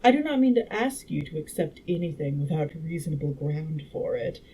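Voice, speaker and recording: A woman's voice: sits low, lively intonation, fairly quick, warm tone, slight background noise, rough recording. A woman playing a clever, assured female time traveler from a classic novel, lecturing in a precise, emphatic way. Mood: earnest lecturing. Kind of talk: acted reading of a classic novel.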